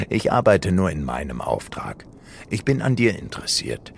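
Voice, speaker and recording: A man voicing a sinister, mocking male devil in a radio play, speaking slowly in a gravelly, whispery voice. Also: deep voice, very animated, a little hiss or hum, heavily acted. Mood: menacing. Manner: slow, teasing, then pleading. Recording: music behind voice.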